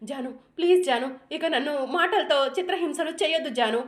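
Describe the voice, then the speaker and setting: A remorseful husband who pleads and begs forgiveness, as a woman narrator reads his lines. He keeps calling his wife by name. The voice stays high throughout, as in a story recap. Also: brisk, roomy sound, close to an everyday voice. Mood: pleading. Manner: pleading, repeating the wife's name.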